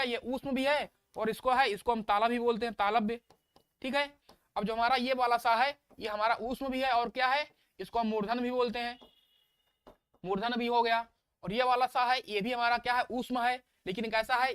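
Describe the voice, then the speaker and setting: A man's voice: extremely high pitch, steady tone, normal speed, a bit bright, clean tone, no echo. A man teaching an online exam-prep class, repeating letter sounds aloud and asking students coaxing questions.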